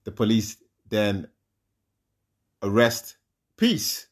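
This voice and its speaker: A man in a casual podcast chat, retelling a film plot. His voice is very low. He rambles and acts out the scenes as he goes. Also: sing-song, drawn-out words. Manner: rambling, dramatizing, laughs often.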